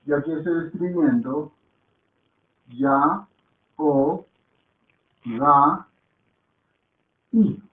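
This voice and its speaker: A man teaching a lesson at a slow, deliberate pace, in a slightly high voice for a man. He repeats words again and again to drill pronunciation. The sound is echoey and thin, like a phone line. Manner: checks in with soft "¿mm?" and "¿ok?". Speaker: Hindi teacher.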